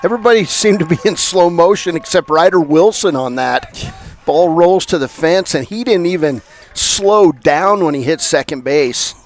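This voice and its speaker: A man giving relaxed color commentary on a baseball game for radio, with folksy joking asides. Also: a little high, normal speed, slight background noise.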